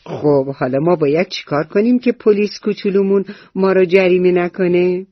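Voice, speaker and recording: A woman storyteller voicing an easygoing, gently teasing father in a bedtime radio story, speaking slowly and good-naturedly. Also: lowish voice, no room sound, dull audio, close to an everyday voice.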